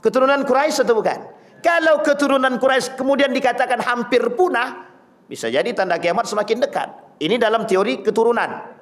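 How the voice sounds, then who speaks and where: A man preaching a lively sermon to a congregation, telling stories, addressing the listeners directly and imitating the people he quotes. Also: extremely high pitch, fast talker. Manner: lively storytelling, mimicking voices of people he quotes; addresses audience directly as Bapak Ibu.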